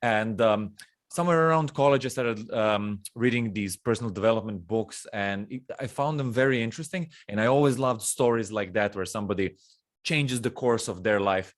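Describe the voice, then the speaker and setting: Lower-voiced Croatian podcast host. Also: male voice, moderate pace. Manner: friendly, with frequent ums and uhs. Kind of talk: casual interview conversation.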